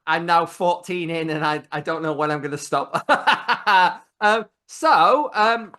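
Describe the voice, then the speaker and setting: On a relaxed video-call cooking chat, a male host jokes at his own expense, chats easily and laughs a lot. His voice is slightly high, slow and pushed, with a bright quality.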